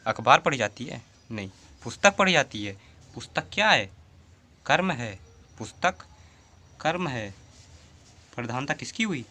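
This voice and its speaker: A man's voice: mid-range voice, big pitch swings, measured pace, pauses often, pushed and bright. A man teaching a Hindi grammar lesson, repeating his examples and asking rhetorical questions to his students. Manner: addresses the viewer as 'bhai'.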